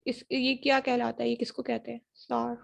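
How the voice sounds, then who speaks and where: Lady teaching phonetics class, kinda high voice, keeps saying ok ok, mixes hindi-urdu and english. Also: little pitch movement, moderate pace, vocal fry. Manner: mixes Hindi-Urdu and English, checks understanding with repeated "ठीक है". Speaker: university lecturer. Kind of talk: online phonetics lecture.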